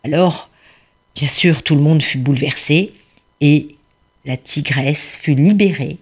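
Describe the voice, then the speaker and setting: A woman storyteller reading a folktale aloud, expressive and chatty, turning to the listener with asides. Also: sits low, slow, slightly rough.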